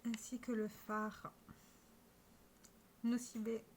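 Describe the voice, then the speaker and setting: A woman's voice: on the high side, little pitch movement, slow pace, darkish tone, a little hiss or hum. A French-speaking woman talking casually to camera about her makeup, chatty and showing each product with small restarts. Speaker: beauty vlogger.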